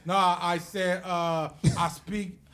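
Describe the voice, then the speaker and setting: His voice sits high with a fairly bright tone, little pitch movement and a slow pace. A middle-aged American podcast guest, he tells lively stories and performs the voices of the people involved.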